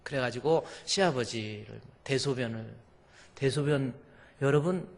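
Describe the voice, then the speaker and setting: A male pastor telling a story in a sermon, animated, acting out voices and swinging between loud and soft. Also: mid-range voice, a little slow, vocal fry, long reverb tail.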